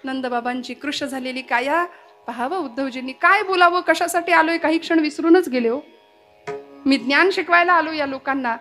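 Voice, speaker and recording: A woman kirtan preacher giving a devotional sermon, telling its stories in an expressive, declamatory way and reciting Sanskrit verses. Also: high voice, normal speed, soft background music.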